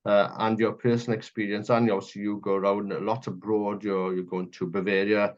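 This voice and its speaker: A Welsh-accented man hosts a conversational political interview on the radio, talking emphatically and at great length in heaped-up clauses. His voice is on the low side with a level tone and a little fast, captured in dull, muffled lo-fi audio.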